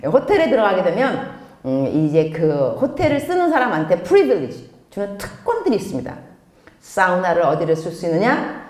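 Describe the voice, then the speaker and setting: Animated woman preacher in an echoey hall. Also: lowish voice, a little fast. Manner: animated storytelling with acted quotes and laughter. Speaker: pastor and missionary. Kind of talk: lively sermon lecture.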